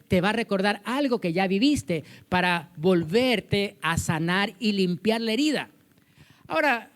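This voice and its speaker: Man preaching a sermon with anecdotes. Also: sits high. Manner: preaching with personal anecdotes and humor, swelling louder on key points. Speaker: pastor. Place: church service with a congregation.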